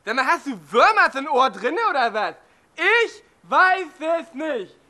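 A man's voice: very high-pitched, very animated, a little fast, pushed and bright, exaggerated voice. A man voicing a fussy, pedantic man on the phone who keeps saying "genau" in an overly polite, prim way. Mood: exasperated.

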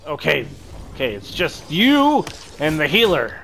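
A man giving casual let's-play commentary, reacting out loud to the game and talking to himself and the enemies. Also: fairly high pitch, wildly swooping pitch, measured pace, gravelly, a little hiss or hum. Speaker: gameplay commentator.

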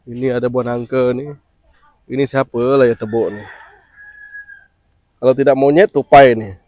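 A man's voice: medium pitch, steady tone, moderate pace, dark tone, no echo, highs cut off. A man chatting casually to viewers in a vlog, teasing and repeating himself as he shows around an outdoor spot after rain. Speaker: vlogger.

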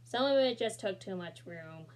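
Recorded through a laptop camera in a small room, this young woman's mid-range voice brings a children's picture book to life with expressive reading. She keeps a moderate pace and tosses in casual asides.

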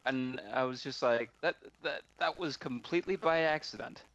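On a video call, a man casually tells a story, halting and frequently repeating his words. His voice is mid-range and a bit bright, and the audio sounds dull.

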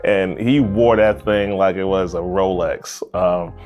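A man tells his story as an interview guest. He speaks slowly and easily, with lots of fillers. His voice sits very low, and soft music plays faintly underneath. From Brooklyn, New York. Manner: relaxed, unhurried, frequent fillers. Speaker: interview guest, watch collector.

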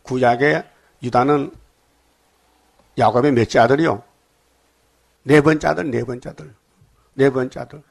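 Older guy preaching a dawn sermon, raspy fry in his voice, chatty, keeps asking the crowd stuff. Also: mid-range voice, a little slow, long pauses. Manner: lively, folksy, asks the congregation questions; acts out scripture dialogue in dialect.

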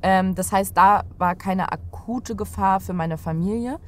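A woman in her thirties from Berlin, a guest chatting from the back seat of a car and telling stories with lively gestures. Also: medium pitch, measured pace, slight background noise. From Berlin, Germany. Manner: animated storyteller, gestures while talking. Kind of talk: casual chat.

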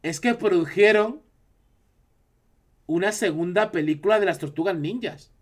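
A man's voice: high-pitched, unhurried. A man from Spain with a Spanish accent, chatting casually on a live stream and reacting to his chat.

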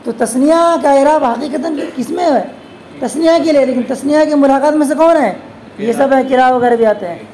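A woman teaching a classroom grammar lesson, constantly posing quick questions to her students and answering them herself. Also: high-pitched, mellow, slight background noise, low-quality recording. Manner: addresses students as "beta". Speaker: religious teacher.

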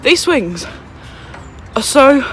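A young woman vlogs to her handheld phone in a town park, out of breath, chatting casually, swearing, and laughing often. Her high-pitched voice swings widely in pitch, moves extremely slowly, and sounds a bit bright, with faint music behind her.

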